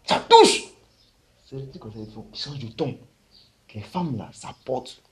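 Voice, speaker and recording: Animated man explaining in casual chat. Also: mid-range voice, moderate pace, husky. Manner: animated, rhetorical questions. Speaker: spiritual teacher.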